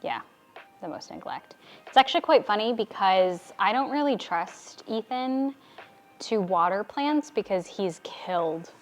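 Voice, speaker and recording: Slow, chatty young woman vlogger. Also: lowish voice. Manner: chatty and self-deprecating, drawn-out words. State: out of breath. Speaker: plant vlogger. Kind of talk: casual chat. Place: home apartment.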